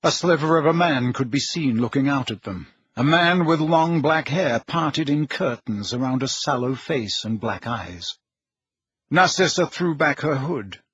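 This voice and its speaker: A man narrating an audiobook in a measured, dramatic storytelling manner with a husky voice. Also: fairly high pitch, a bit bright, dry recording. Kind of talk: scripted narration. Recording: dull lo-fi recording.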